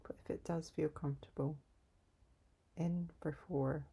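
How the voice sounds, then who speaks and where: Low, husky woman guiding calm grounding. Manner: calm, soothing, unhurried instruction with pauses. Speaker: meditation guide. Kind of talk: calm guided grounding exercise.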